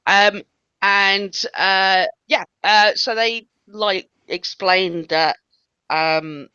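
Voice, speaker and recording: A woman narrating as game master in a tabletop game, halting, with lots of fillers and laughter. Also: mid-range voice, steady tone, sharp tone, smooth, no echo, muffled recording.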